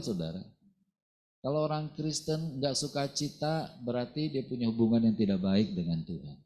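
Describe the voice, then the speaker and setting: A man preaching a sermon as pastor, talking casually and often asking the congregation questions, swinging between loud emphatic bursts and quiet low phrases. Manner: colloquial preaching with frequent rhetorical questions to the congregation.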